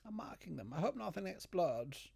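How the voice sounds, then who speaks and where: A British man co-commentating on a game in casual banter, sardonic and deadpan. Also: high-pitched, normal speed, vocal fry, slightly rough, no room sound. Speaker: gaming co-commentator. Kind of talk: dry casual banter over gameplay.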